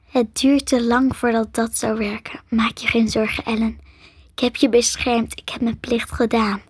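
A woman's voice: on the high side, fairly even intonation, moderate pace, no room sound, clean studio sound. A woman voicing Crystal, a loyal dragon. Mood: dying, tender. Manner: breathy, fading whispers when dying. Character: brave female dragon, loyal and protective. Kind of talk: storybook reading.

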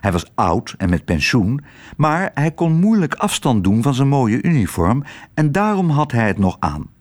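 A man narrating a children's storybook in an expressive way. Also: medium pitch, normal speed. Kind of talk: storybook reading.

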